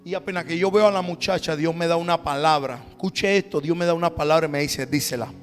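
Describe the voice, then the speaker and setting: Pastor: man, high voice, emphatic storytelling sermon, long church hall reverb. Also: steady tone, quick pace, faint music behind. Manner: storytelling, building to loud emphatic calls.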